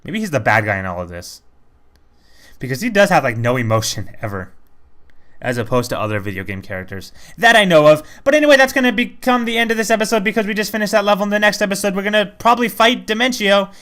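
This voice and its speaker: A man's voice: high-pitched, big pitch swings, quick pace, fairly bright tone. A man giving casual, rambling commentary over a video game playthrough, chatty and self-critical. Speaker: let's play commentator.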